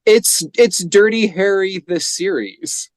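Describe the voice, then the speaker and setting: A podcast co-host rambles through casual chat, laughing often and slipping into gravelly impressions. His voice is high-pitched and slow. The sound is clean, with no echo.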